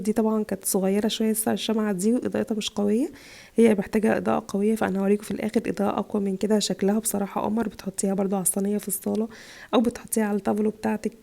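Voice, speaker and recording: At home in Italy, a vlogger and mother with an Egyptian Arabic accent chats casually and gushes over the items in her shopping haul. Her medium-pitched voice is dark with vocal fry and sounds tired from a chest cold.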